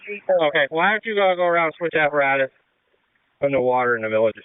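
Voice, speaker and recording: Clear-voiced man on a narrow two-way radio. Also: a little high, expressive, fast, dry recording. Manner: terse, procedural radio talk. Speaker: fireground incident officer directing crews by radio. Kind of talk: firefighter radio traffic.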